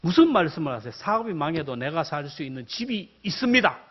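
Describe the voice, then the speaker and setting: A man's voice: on the high side, sing-song, quick pace. A male pastor voicing a businessman who has lost everything and pleads in despair, on a dull lo-fi recording. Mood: indignant. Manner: pleading, then protesting. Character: despairing ruined businessman, later indignant. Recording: dull lo-fi sound.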